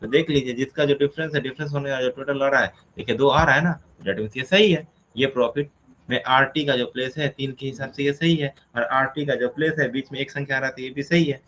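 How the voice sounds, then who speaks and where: Male teacher, mid-pitched voice, talks through each step and quizzes himself, light hiss behind. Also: fairly quick, a bit bright, rough recording. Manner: asks questions and answers them himself, counts step by step. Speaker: reasoning teacher. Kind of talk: explaining a classroom problem.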